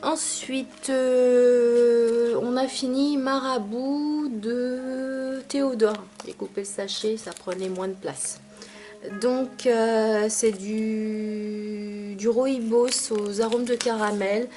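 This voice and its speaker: A woman's voice: a little high, steady tone, very slow, mellow, soft background music. A young adult woman reviewing teas she has finished, chatty, with many fillers and asides. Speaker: tea vlogger. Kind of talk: casual product review.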